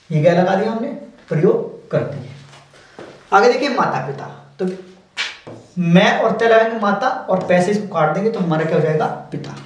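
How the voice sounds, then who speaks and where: Male steno teacher, high pitch, slow and repetitive explaining, heavy room echo. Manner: slow, repetitive, drawn-out word demonstrations. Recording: echoey room, far from mic.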